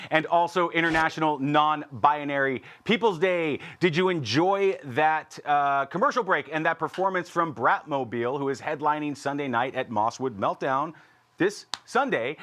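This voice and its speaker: A man's voice: on the high side, fairly bright tone. A man hosting a comedic live music talk show with goofy, self-aware banter. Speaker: host.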